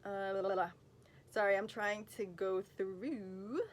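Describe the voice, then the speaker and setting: There's a little hiss or hum behind her unhurried, mid-range voice, which keeps fairly even intonation and a Brooklyn, New York accent. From bed, recorded on a phone, she rambles chattily through fan questions, putting herself down and adding plenty of fillers and asides.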